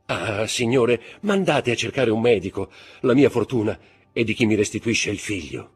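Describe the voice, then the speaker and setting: A man's voice: fairly low pitch, sing-song, moderate pace, slightly rough, faint music behind, voice pushed up. A man reading aloud who voices a frantic aristocratic young mother, pleading and breathless.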